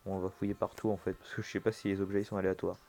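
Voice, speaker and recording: A man commentates a horror game in a casual, jumpy streamer manner. His voice is fairly low and soft-edged, with a relaxed, mellow tone. Faint music plays behind him. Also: racing, gravelly. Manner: talks to the game's objects and characters.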